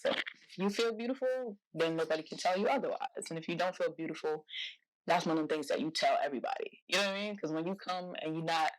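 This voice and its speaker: A woman's voice: low-pitched, rough recording. A young woman talking as an interview guest, a hairstylist and fashion entrepreneur, speaking expressively and casually with lots of "like" fillers. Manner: expressive, chatty, many "like" fillers.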